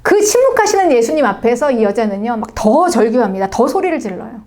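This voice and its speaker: A middle-aged woman pastor preaching a sermon with a Seoul accent, dramatic, swinging between soft murmurs and raised cries. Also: fairly high pitch, very animated, fairly quick. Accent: Seoul Korean. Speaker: senior pastor.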